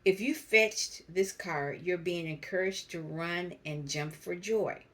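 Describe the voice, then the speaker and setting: A woman giving a spiritual card reading to camera, speaking slowly and reflectively and reading card meanings aloud. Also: lowish voice. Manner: slow, reflective, reads card text aloud. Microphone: camera mic.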